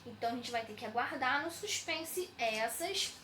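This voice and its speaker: A woman's voice: fairly high pitch, lively intonation, normal speed, bright, forceful tone, slight background noise. A woman teacher, patiently explaining textbook exercises to young students, often saying "né". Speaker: schoolteacher. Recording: echoey room.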